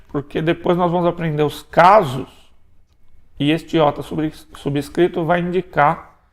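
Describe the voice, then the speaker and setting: A man from Brazil giving a recorded language lesson. His voice sits a little higher than most men's. He explains patiently and points things out on the board as he goes. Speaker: Greek language teacher. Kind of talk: recorded lecture.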